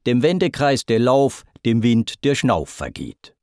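A man voicing a proud, hot-tempered male sea god, declaiming loudly in raised pitch in a dramatic verse reading. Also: very animated, measured pace, no echo, studio quality. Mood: grandiose.

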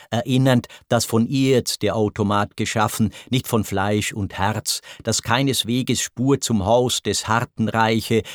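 Brief: male narrator, solemn verse storytelling, very slow, dry close sound. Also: lowish voice, no echo. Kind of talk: verse poem recitation.

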